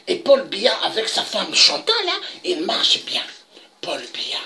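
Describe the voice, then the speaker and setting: Woman, political commentator: slow, indignant rant with a gravelly edge and sharp, high tone. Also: wildly swooping pitch. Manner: emphatic, indignant, with dramatic pitch leaps. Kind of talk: impassioned political monologue.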